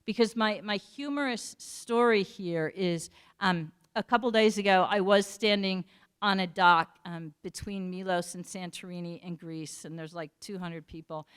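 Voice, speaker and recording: A woman giving a community talk, earnest and searching for words with fillers and pauses. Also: lowish voice, clean tone. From United States. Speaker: panel speaker.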